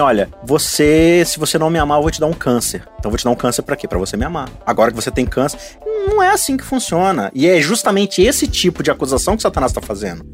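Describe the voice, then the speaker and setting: A man co-hosting a casual Bible study podcast, telling stories and acting out the quoted lines. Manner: animated storyteller, acts out quotes with jumps in pitch. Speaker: podcast co-host.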